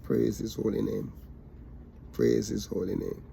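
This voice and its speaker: A man's voice: on the low side, fairly even intonation, measured pace, gravelly, mellow, a little hiss or hum. A man teaching a Bible study, repetitive and emphatic, with many fillers.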